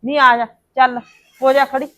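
A woman's voice: sits high, level tone, normal speed, pushed and bright. An actress playing a quarrelsome middle-aged mother-in-law who scolds and taunts her daughters-in-law in a family drama. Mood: scheming. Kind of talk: village family drama acting.

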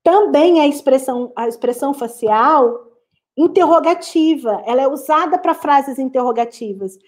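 Brazilian woman guest lecturer, high warm voice, earnest teacher talking to students on a video call. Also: lively intonation, normal speed. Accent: Brazilian Portuguese. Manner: earnest, explanatory, addresses students directly. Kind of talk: live online class lecture.

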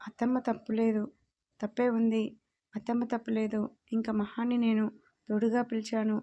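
A woman's voice: a little high, level tone, normal speed, mellow, muffled recording, close to an everyday voice. A woman voicing a timid, tearful young wife who pleads earnestly in a storybook reading. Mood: pleading.

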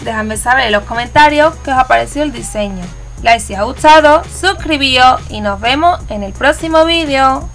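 A woman with a Spanish accent from Spain hosts a nail art channel and talks viewers through a tutorial in a chatty, instructive way, now and then correcting herself. Her high voice has a gravelly edge, and she keeps a moderate pace with few pauses. Soft music plays faintly in the background.

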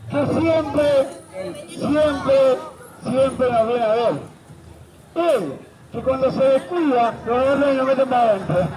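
A man with an Argentine accent working a street crowd as a playful kids' party entertainer, coaxing, joking and projecting his patter. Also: very high-pitched. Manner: projecting to a crowd, countdown calls. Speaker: street circus performer. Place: large outdoor city plaza at night. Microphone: distant audience phone camera. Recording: distant phone recording, noisy city square, crowd. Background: crowd and street traffic noise.

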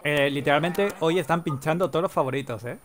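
A man whose voice runs on the high side streams live commentary on a football video game, the rough audio carrying slight background noise. He reels off player names quickly and erupts into drawn-out shouts of goal.

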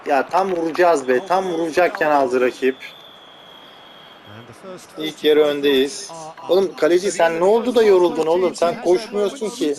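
A man's voice: on the high side, normal speed. A man giving casual, teasing commentary over his own football video game match, grumbling and joking at his players. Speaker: gameplay commentator. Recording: game crowd audio loud underneath. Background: loud game crowd noise.

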